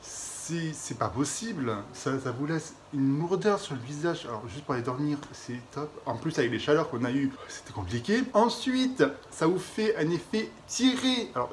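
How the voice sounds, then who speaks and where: French guy, young, fairly high voice, lively product-review chat, faint hiss behind. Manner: chatty, expressive, laughs and exaggerates. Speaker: beauty vlogger. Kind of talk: casual product review vlog.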